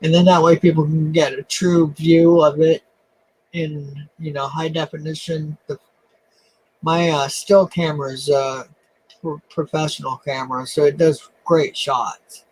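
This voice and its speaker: A man with a fairly high voice hosts a casual coin-trading live stream over his webcam. He talks in a halting, self-deprecating way and fills his pauses with "uh" and "um". The sound is dry and close. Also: little pitch movement, breathy edge, dry recording, low-quality recording.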